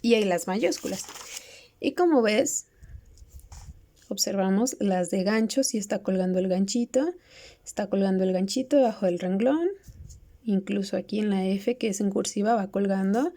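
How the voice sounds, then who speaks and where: A woman's voice: mid-range voice, moderate pace, warm tone. A woman teacher patiently explaining writing rules to pupils, talking to them directly.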